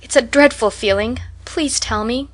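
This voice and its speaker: A woman's voice: on the high side, moderate pace, natural voice. A woman voicing an eager, talkative orphan girl who speaks in a breathless, imploring, dreamy way in an audiobook. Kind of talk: audiobook character voice.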